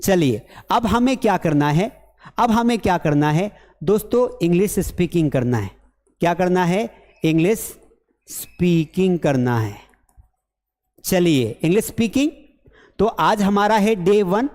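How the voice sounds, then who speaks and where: A man with a notably high voice runs an online spoken English lesson and keeps it lively and teasing. He playfully acts out the mistakes his learners make. His voice carries a long hall reverb. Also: normal speed. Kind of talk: online class lecture.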